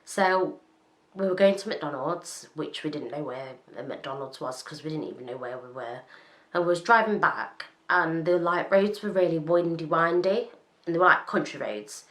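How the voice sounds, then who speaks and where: A woman's voice: deep voice, moderate pace, fairly bright tone. A young woman telling a story in a chatty, rambling vlog, full of "like" and restarts. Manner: rambling, self-interrupting, with frequent "like" and laughter. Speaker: vlogger. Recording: roomy echo.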